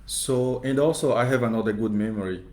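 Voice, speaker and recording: A man's voice: medium pitch, a little fast, darkish tone. A man in his twenties with a Brazilian Portuguese accent, a seminarian guest speaking careful, hesitant, polite English. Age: 20s. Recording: echoey parish room.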